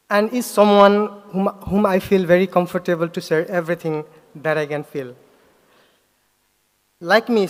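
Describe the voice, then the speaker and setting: A young man from Nepal with a Nepali accent, giving an earnest graduation speech with pauses and self-corrections. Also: high-pitched, clean tone. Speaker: graduate speaker. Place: large ceremony hall. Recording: hall reverb.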